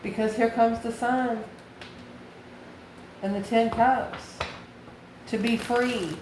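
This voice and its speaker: This tarot reader's fairly high voice stays fairly even and slow as she talks straight to her viewers as channel host. She is folksy and familiar, repeats phrases emphatically, and calls listeners honey and baby in an echoey room with clear background noise.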